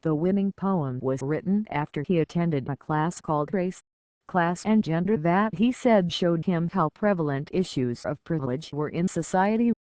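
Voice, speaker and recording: A news narrator reads a scripted report at a mid pitch, neither high nor low. The delivery is even and measured, and the sound is dry and close, with no room echo.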